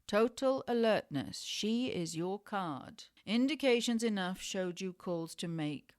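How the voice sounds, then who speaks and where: A woman giving an experimental literary reading, slow and deliberate with hypnotic repetitions. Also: on the low side, smooth. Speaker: reader. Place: indoors in Tangier.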